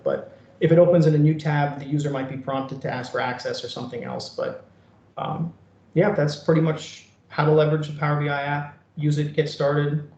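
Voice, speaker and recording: A man presents an informal screen-share demo in a conversational way. His voice sits a little high for a man, and it comes through slightly dull, with a clearly echoey room around it. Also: darkish tone, a little hiss or hum. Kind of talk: informal screen-share demonstration for a work group. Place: online meeting recording from an echoey room. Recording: echoey room, dull online meeting audio.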